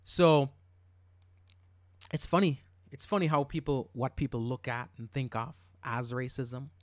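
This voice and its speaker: Podcast host, man from Jamaica, middle-aged, emphatic casual monologue, mid pitch, dry close sound. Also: unhurried, dry recording. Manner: emphatic, repeats words when worked up.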